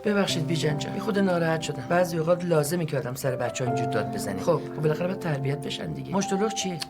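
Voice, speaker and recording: A woman's voice: sits high, very animated. A woman playing a melodramatic mother who scolds her husband over the phone in a comedy sketch. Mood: softened, coaxing. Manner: nagging, melodramatic. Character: scolding, fussy housewife on the phone. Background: background music.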